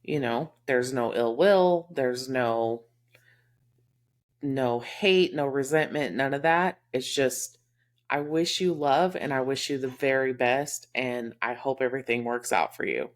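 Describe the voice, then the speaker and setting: A woman's voice: rumbling low, measured pace. A woman from Texas with a Texas accent, co-hosting a podcast and talking candidly about friendships with many fillers. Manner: candid, heartfelt, lots of fillers. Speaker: podcast co-host. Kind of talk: casual chat.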